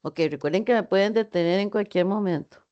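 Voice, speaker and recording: A woman's voice: medium pitch, brisk, warm tone, lo-fi sound. Female lecturer, online class, explanatory delivery with hesitant fillers and self-corrections. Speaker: university teacher.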